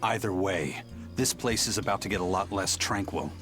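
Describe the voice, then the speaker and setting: A gruff, resolute captain from a video game played by an actor, speaking in a low, firm voice. Game music plays clearly underneath his lines. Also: moderate pace, lightly acted.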